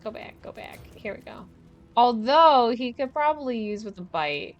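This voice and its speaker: A woman's voice: on the high side, expressive, normal speed, muffled recording, faint music behind. A woman streaming a game, chatting casually and thinking aloud while she plays, with frequent laughs. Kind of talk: casual gameplay commentary.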